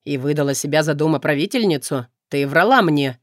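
A stern, brooding young nobleman, voiced by a woman reading an audiobook, speaks low and clipped. His lines sound held back and dark. The recording is dry and close. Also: animated, fairly quick, no echo. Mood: agitated.

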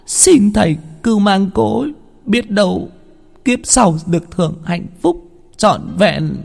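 A man's voice: sits high, expressive, measured pace, vocal fry, a little mellow, pitched above the performer's own voice, full character voice. A man voicing a frightened, compassionate village mother in a ghost story, imploring. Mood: gentle. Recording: heavy reverb with music.

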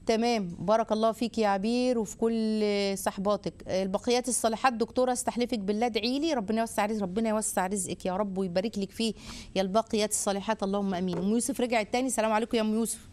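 An Egyptian woman hosting a live religious advice show. She exhorts and gently teases her callers in an animated way. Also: mid-range voice, racing. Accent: Egyptian Arabic. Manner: animated, exhorting, warmly teasing. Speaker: host answering viewer questions.

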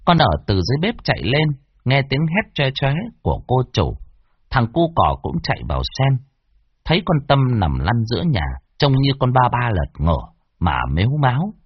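A man with a husky voice narrating a horror story, expressive with wide swings in pitch. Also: normal speed, no echo. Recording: dull lo-fi dry recording.

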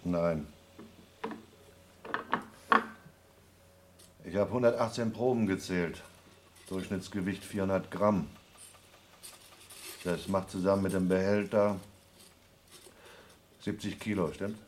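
An actor playing a gruff, sardonic astronaut on the Moon in a German radio play. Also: male voice, low-pitched, fairly even intonation, measured pace, long pauses, darkish tone, slight background noise. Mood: dry. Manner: dry, sardonic, grumbling.

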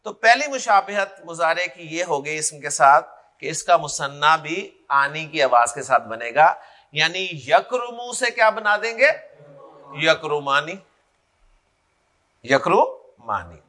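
A man's voice: fairly high pitch, bright, forceful tone. A man with a Pakistani Urdu accent teaching Arabic grammar as a lecture, drilling word forms aloud and often checking that students follow. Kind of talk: classroom lecture.

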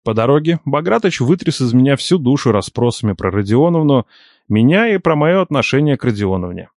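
A man reading a first-person audiobook with an ironic, expressive storytelling manner. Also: mid-range voice, brisk, no room sound, clean studio sound. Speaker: audiobook narrator.

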